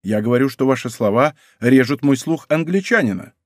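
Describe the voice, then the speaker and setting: A man's voice: medium pitch, animated, fairly quick, no echo, natural voice. A haughty English duke whose every line carries lofty challenge, as a man puts him on. The reading sits dry and close. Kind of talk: audiobook character voice.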